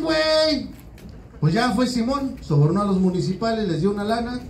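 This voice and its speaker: This high-pitched, dark-toned stand-up comedian speaks with a Mexican Spanish accent, delivering a vulgar, slang-heavy bit full of "güey" at a small open-mic venue. He's recorded from a distance, leaving a roomy, off-mic sound with a little room noise.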